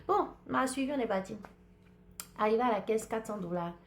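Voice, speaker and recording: A woman with an African French accent and a fairly high voice tells a personal story on her podcast. She talks in a casual, chatty way and keeps turning to her listeners as if they were friends in the room. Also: fairly quick. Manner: chatty, talks straight to listeners, lively retelling. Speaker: podcast host.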